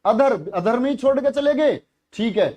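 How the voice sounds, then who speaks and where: A man's voice: extremely high pitch, normal speed, a little mellow. A male teacher from giving a classroom lesson, repeating each word and asking the students questions.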